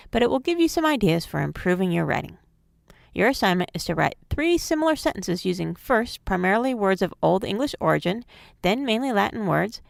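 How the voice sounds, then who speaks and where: A woman giving a scripted phonics lesson, speaking in a clear, measured teaching manner. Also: medium pitch, no echo, studio quality. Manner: clear, measured instructional delivery.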